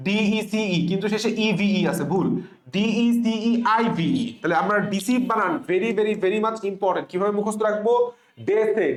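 A man teaching spelling for exam prep, spelling words letter by letter and having students repeat after him. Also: sits high. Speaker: spelling tutor for medical admission students. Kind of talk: classroom-style exam lesson. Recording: echoey room.

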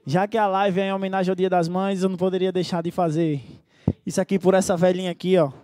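A man, a singer hosting his own live stream and effusively sending shout-outs to the crowd. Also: high voice, level tone, quick pace, no room sound, studio quality. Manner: effusive, talks straight to the crowd.

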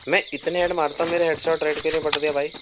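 A young man, chatting casually as he plays and comments on his game, with sudden bursts of excitement and grumbling. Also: fairly high pitch, quick pace. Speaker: gaming streamer. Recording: loud background noise.

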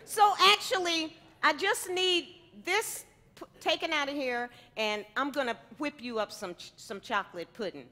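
A middle-aged woman chef gives a live cooking demonstration on a stage set in a large indoor hall, playfully teasing the audience. Her high voice is pushed and bright at a normal speed, picked up by a headset mic with the long reverb of the big hall.

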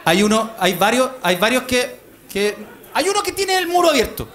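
A man with a Chilean accent performing a stand-up comedy routine on a club stage into a handheld mic, rowdy, switching between confiding asides and shouting. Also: very high voice, sing-song, normal speed. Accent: Chilean Spanish. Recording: live show with loud crowd and noise.

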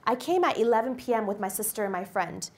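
On a lecture hall stage, a fortyish American woman who runs a company delivers a guest lecture to university students through a handheld microphone. Her personal anecdotes come out lively and upbeat, in a voice on the high side, and she talks fast.

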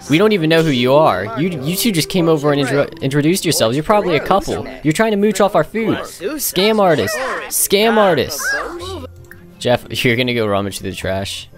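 A man giving casual, mocking commentary over a video game, breaking into loud outbursts now and then. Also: medium pitch. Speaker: gaming commentator.

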